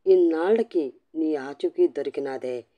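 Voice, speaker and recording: A woman's voice: low-pitched, measured pace, dull audio. A woman voicing a cruel, scheming older woman who gloats menacingly. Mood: gloating.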